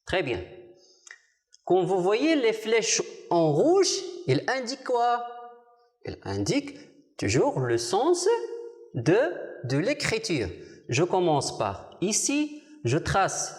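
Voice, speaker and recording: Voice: medium pitch, huge pitch swings, a little mellow. A primary school teacher giving a televised French lesson, asking the pupils questions and answering them, repeating words with care. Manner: slow, deliberate, repeats words for clarity. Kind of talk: televised distance-learning lesson.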